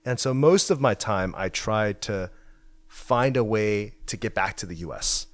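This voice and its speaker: A young man who grew up in China and founded a hacker house talks casually and reflectively about becoming a founder, with many fillers, in an interview chat at a house in Waterloo. He has a lowish voice and a measured pace, captured in a dry recording.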